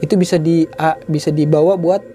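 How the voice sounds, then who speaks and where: A man's voice: fairly high pitch, steady tone, a little fast, mellow, faint music behind. A man in his twenties telling a personal story in a loose, chatty way. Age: 20s. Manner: chatty, loose, fills sentences with "gitu" and "Bang". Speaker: guest storyteller. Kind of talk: casual storytelling.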